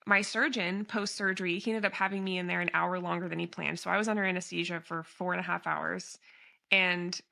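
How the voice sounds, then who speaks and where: A woman hosts a casual podcast, her voice bright and clear. She tells her stories in an animated, lively way, with plenty of fillers and easy laughter. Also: on the low side, brisk. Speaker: podcast host.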